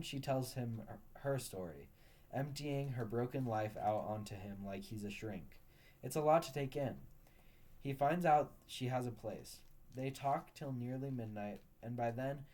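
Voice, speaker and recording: Male storyteller, warm low-brightness tone, steady read-aloud delivery. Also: measured pace. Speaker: narrator.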